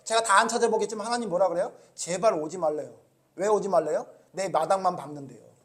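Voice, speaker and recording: A male pastor delivers a Sunday sermon in a rather high voice. He peppers the congregation with rhetorical questions and swings from raised, scolding emphasis to low, hushed asides. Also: quick pace. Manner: animated preaching, rising loud when scolding, dropping low and quiet.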